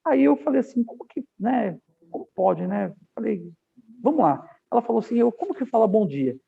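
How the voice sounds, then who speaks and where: A man's voice: high-pitched, brisk, vocal fry, slightly rough. A man from Brazil, a guest on an interview podcast, telling stories from his working life and acting out the dialogue he quotes. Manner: animated storyteller, acts out quoted dialogue. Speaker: podcast guest, aviation professional. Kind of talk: casual interview storytelling. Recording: tinny phone-like line.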